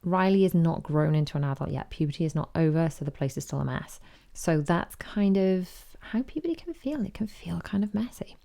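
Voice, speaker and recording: A woman's voice: on the low side, expressive, brisk, gravelly, mellow. A woman, hosting a podcast and chattily retelling a story with quoted voices. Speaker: podcast host. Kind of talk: casual chat.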